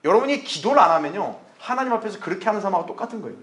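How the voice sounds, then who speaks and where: A man's voice: high-pitched, racing. A male pastor giving an expository sermon to a congregation. He asks rhetorical questions, answers them himself, and acts out short dialogues in several voices. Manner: animated, acts out dialogue between the Lord and believers. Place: church sanctuary.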